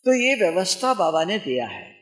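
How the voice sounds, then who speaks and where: A man's voice: high-pitched, big pitch swings, moderate pace, fairly bright tone, soft background music. A man giving a spiritual class, asking rhetorical questions and mixing English phrases into his talk. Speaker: spiritual teacher. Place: retreat centre hall. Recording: echoey hall sound.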